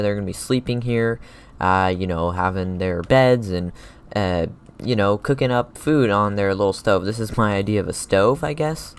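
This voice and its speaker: A young man with a congested, slightly sick voice, giving relaxed, rambling commentary on his Minecraft building. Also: on the low side, smooth. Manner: relaxed and rambling, with many fillers. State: congested from a low fever. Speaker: Minecraft YouTuber. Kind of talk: casual gameplay commentary.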